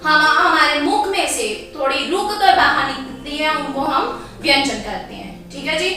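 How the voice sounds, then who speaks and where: A woman's voice: high-pitched, moderate pace, bright, forceful tone. A woman teacher, giving a patient classroom lesson and checking in often. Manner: patient, repeats and checks with "theek hai". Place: school classroom. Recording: echoey room from a distance.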